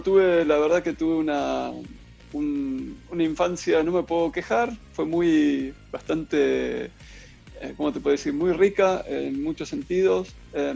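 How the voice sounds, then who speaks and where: A middle-aged man from Argentina with a Buenos Aires Spanish accent tells his life story as a guest in a casual interview, rambling and using lots of fillers. His voice is a little high, creaky, and a little mellow.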